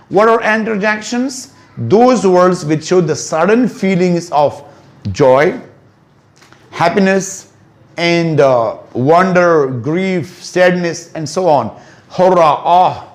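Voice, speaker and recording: Slow-paced teacher explaining grammar. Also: male voice, fairly high pitch. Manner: explains slowly, switching between Hindi-Urdu and English, drawing out example words. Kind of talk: classroom lecture.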